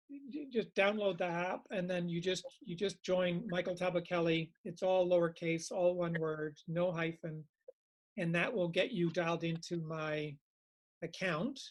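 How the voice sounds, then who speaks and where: A man's voice: high voice, poor audio. Male meditation teacher, informal and reflective, leaning on repetition for emphasis. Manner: reflective, repeats phrases for emphasis.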